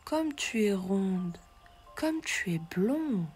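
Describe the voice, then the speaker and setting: Woman playing a sly, hushed old fox. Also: medium pitch, animated, soft background music. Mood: flattering. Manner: slow, hushed, coaxing. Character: sly old male fox, sweet-talking and cunning.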